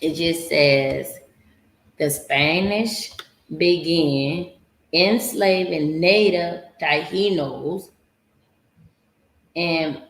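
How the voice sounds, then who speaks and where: A woman hosting a casual livestream, talking slowly and haltingly with many fillers and restarts. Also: sits low. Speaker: livestream host. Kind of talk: casual livestream talk about history. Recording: echoey room with faint guitar music.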